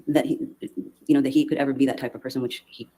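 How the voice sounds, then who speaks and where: A man giving courtroom testimony as a witness, hesitant and halting. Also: mid-range voice, steady tone, over a noisy crowd.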